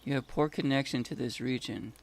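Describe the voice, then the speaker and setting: Gravelly man muttering over lag. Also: medium pitch, steady tone, fairly quick. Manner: mutters and complains to himself about lag. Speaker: gamer streaming a solo playthrough. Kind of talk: casual gameplay commentary.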